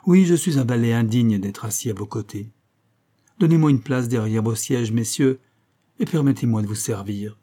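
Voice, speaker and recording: A man reading the part of an anguished English gentleman who was once a servant, speaking in sobbing, agitated outbursts. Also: mid-range voice, normal speed, natural voice. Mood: bitter. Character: anguished English gentleman, secretly a former lackey.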